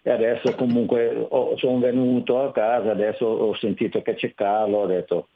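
A man's voice: mid-range voice, flat delivery, normal speed. A man calling in to a radio talk show over the phone, talking hesitantly and stumbling over his words. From Genoa, Italy. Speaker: caller. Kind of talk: radio call-in. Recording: tinny phone line.

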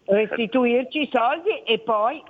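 A woman's voice: fairly high pitch, measured pace. A woman from Milan calling in to a radio talk show over the phone, insistently complaining and talking over the guest. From Milan, Italy. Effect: heard over a phone line. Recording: tinny phone line.

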